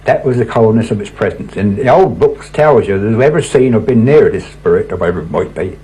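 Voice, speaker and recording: An older man with a mellow, husky voice tells a personal anecdote. He is earnest and conversational, slipping often into reported dialogue. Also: lowish voice, expressive, a little fast, rough recording. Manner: earnest, repeats "he said" and "she said" as he acts out reported talk. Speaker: local resident and court usher telling his experiences. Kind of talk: anecdotal storytelling.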